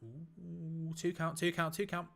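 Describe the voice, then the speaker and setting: An excitable man calling wrestling live for his stream, his voice sitting a little higher than most men's. He talks casually and bluntly, throws in the odd mild swear, and jumps up in volume when a big move lands. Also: takes it slowly, gravelly. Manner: excitable, breaks into shouts at big moves. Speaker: watch-along streamer. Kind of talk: live play-by-play reaction commentary.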